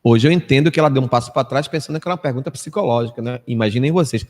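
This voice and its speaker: A Brazilian man in his fifties giving a storytelling lecture to a live audience, acting out quoted people and dropping to a hush at times. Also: rapid-fire. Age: 50s. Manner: anecdotal, acts out quoted people with big pitch swings, drops to a hush. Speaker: spiritist lecturer. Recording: echoey hall reverb.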